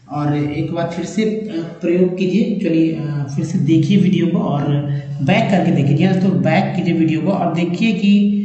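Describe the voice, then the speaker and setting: A man's voice: on the high side, warm tone. Man teaching English words in an echoey room. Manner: spells out words slowly, repeats each many times. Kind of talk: pronunciation lesson. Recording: very echoey room, long reverb.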